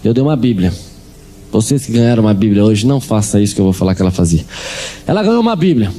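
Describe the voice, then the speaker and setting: Animated man telling a church testimony. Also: on the low side, quick pace, a little hiss or hum. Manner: animated storyteller, acting out quoted dialogue. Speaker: preacher giving testimony.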